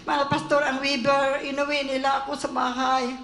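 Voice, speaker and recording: A woman's voice: high voice, flat delivery, normal speed, creaky, a bit bright, reverberant. A woman giving a fervent church testimony, often breaking off to say hallelujah and praise God. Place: church service.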